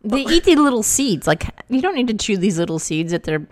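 A woman's voice: medium pitch, sing-song, brisk. A woman co-hosting a casual chat, making dry, wry remarks. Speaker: podcast co-host.

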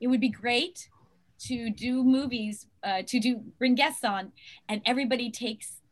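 Woman, actress guest, bright high voice, giggly and rambling. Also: a little slow. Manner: laughing, excitable, rambling. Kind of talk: animated anecdote telling.

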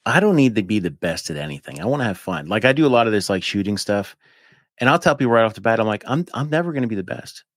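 A fast-talking American man in his fifties, with a fairly low voice, chats casually as a podcast guest. He's animated and rambling, hopping from thought to thought and plugging the gaps with "like" and "you know." The recording is dry and close-miked, with no echo and little room behind it.

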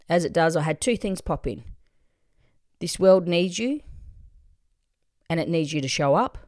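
An Australian woman hosting a motivational solo podcast, excitable and swearing casually. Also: deep voice, no room sound, clean studio sound. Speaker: podcast host.

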